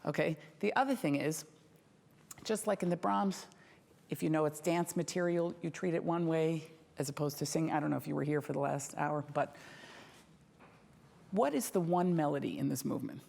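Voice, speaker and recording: Woman, middle-aged, violin teacher, masterclass coaching, lively, sings out rhythms, low gravelly voice. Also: normal speed. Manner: lively and demonstrative, sings rhythms, laughs often. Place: concert hall stage at a music competition. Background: violin and piano playing faintly.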